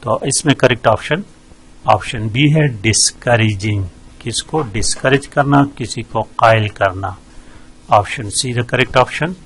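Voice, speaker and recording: Male teacher, husky, slow and methodical, pausing often. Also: mid-range voice, a bit bright, poor audio. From Pakistan. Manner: slow, methodical, many hesitations. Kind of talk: explaining vocabulary quiz answers.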